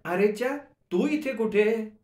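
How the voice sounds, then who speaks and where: A man voicing a lively, teasing young woman in a told story. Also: sits high, normal speed, echoey room, pitched above the performer's own voice.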